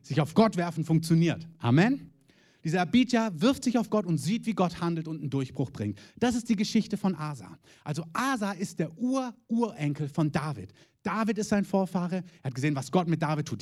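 A man's voice: sits high, a little mellow. A man preaching a sermon as pastor, emphatic, with repeated calls of Amen and long spoken lists. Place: church in Berlin.

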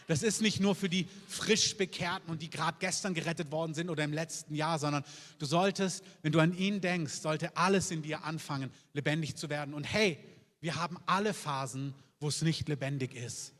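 A pastor preaches with fervor, pressing each point and punctuating it with amen. His voice sits fairly high for a man. The sound carries a long hall reverb. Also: a little fast, a bit bright. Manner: fervent, emphatic preaching with repeated amens. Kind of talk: sermon.

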